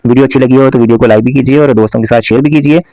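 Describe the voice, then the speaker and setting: A man's voice: medium pitch, fairly even intonation, racing, dark tone, no room sound, poor audio. Patient man teaching recitation rules. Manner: patient, explanatory, addresses viewer directly. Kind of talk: short tutorial lesson.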